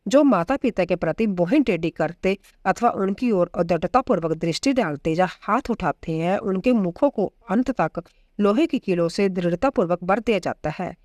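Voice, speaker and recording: A woman giving a devotional scripture reading, reciting in a steady, measured way and listing names one by one. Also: lowish voice, no echo, studio quality. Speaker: scripture reader.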